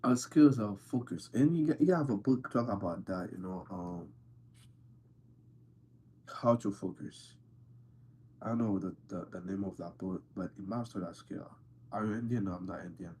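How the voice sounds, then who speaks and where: This livestream host has a deep, husky voice with a dark tone and talks at a moderate pace. Fielding chat questions, he teases playfully and insistently repeats things for emphasis.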